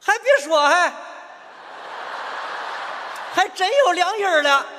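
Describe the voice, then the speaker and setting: A man performing stage crosstalk comedy, putting on a Shandong accent and answering back with indignant, quick retorts. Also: extremely high pitch, expressive, noisy background. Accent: Shandong dialect put on. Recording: live hall with faint ambience.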